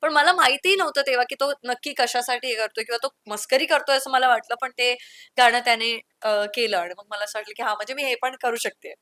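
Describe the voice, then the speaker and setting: Young woman, from the Konkan, interview guest, animated storytelling, bright tone, dry recording. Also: a little high, fast, dry recording. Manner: storytelling, lively with quoted asides. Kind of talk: candid conversational interview.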